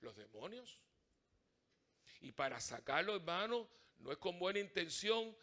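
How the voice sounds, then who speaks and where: A middle-aged male priest giving a conversational Sunday homily in church. He is animated and humorous, acting out little dialogues and asking the congregation questions. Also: high-pitched, a little slow.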